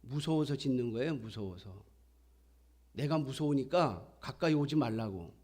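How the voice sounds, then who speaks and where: A man's voice: medium pitch, animated, normal speed, darkish tone. A middle-aged man preaching a sermon in a conversational style, sometimes acting out quoted voices. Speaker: pastor.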